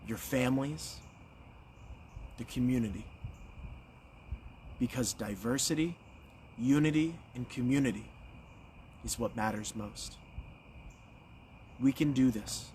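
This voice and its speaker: A young American man giving a folksy campaign stump speech as a candidate, earnest and emphatic, in short phrases with deliberate pauses. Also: medium pitch, slight background noise. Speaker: political candidate.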